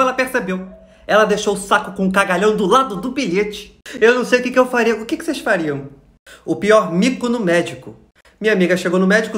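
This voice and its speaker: Fast, high-voiced comic storyteller. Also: male voice, reverberant. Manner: animated, acts out the voices of people in his stories. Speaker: comedian storyteller.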